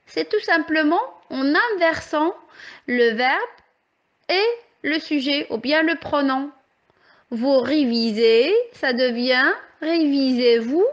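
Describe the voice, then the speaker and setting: A young woman teacher explaining a grammar lesson to young children, patient and carefully articulated, with clearly rising questions. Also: fairly high pitch, a bit bright, dull audio. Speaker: primary school teacher.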